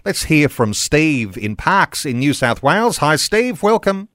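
A man's voice: on the high side, big pitch swings, a little slow, a bit bright, dry recording, studio quality. A man with an Australian accent hosting a talk-back radio show.

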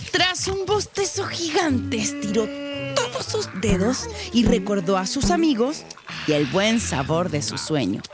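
A woman reading a children's storybook aloud in a slow, very expressive way. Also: mid-range voice.

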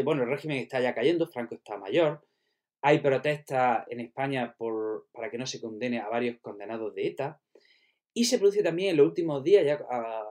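Man, slightly high and very animated, teaching history to students, casual with fillers. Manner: lively, pitch rising and falling, with fillers and self-corrections; warm sign-off to students. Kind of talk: spoken history lesson.

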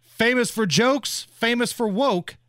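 A man's voice: very high voice, unhurried, a bit bright, dry recording, clean studio sound. A man hosting a radio show, delivering a punchy contest promo in announcer fashion. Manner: punchy, announcing a ticket giveaway and phone number.

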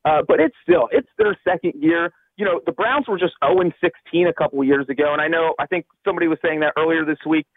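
A man's voice: a little high, no room sound. Man talking over a tinny phone line. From Cincinnati. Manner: quick, confident, thinks aloud with fillers. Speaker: guest analyst. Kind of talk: sports radio call-in analysis.

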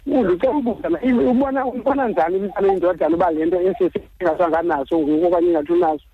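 Very fast, high-voiced South African male caller. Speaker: phone-in caller. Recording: dull lo-fi phone line.

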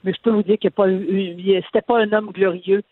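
An older woman calls in to a radio show, speaking earnestly and starting her sentences over and over. Her voice sounds husky and comes through a tinny phone line, dry and close. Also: mid-range voice, steady tone, no room sound. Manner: halting, many restarts, earnest. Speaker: caller. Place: on a phone call from abroad.

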